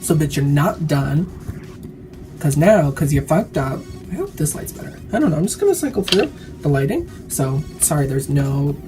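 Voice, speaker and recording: A woman's voice: sits low, sing-song, moderate pace, over music. A woman giving a casual, chatty makeup tutorial while tipsy, rambling drunkenly and swearing freely.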